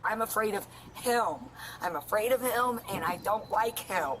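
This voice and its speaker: A woman's voice: mid-range voice, normal speed. Agitated, profane woman on body cam. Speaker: woman questioned by police. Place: outdoors at a house. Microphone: police body camera. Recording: noisy body cam audio.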